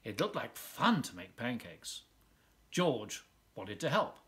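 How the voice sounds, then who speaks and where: As a volunteer storyteller, a man reads a children's picture book aloud expressively, drawing out words and pausing dramatically. His mid-range voice is very animated, pushed and bright.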